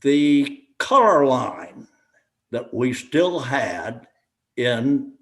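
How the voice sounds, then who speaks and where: An elderly American man, a war veteran in his eighties or older, reminiscing and explaining in a deliberate, halting way with long pauses. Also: medium pitch, sing-song. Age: 80s or older. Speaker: war veteran being interviewed.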